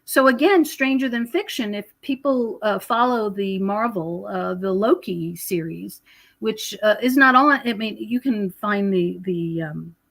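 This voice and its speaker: A podcast guest from the United States, a woman who studies prophecy and UFOs, lays out her thinking with conversational emphasis. She speaks unhurriedly in a medium pitch that's a bit bright, with some vocal fry.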